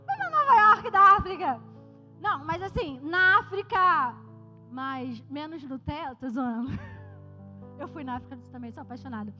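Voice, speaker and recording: A Brazilian woman missionary giving a joking, lively testimony to a youth church service. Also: high voice. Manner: lively, joking storyteller addressing the crowd. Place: church hall. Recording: reverberant church hall, slightly dull sound, music behind.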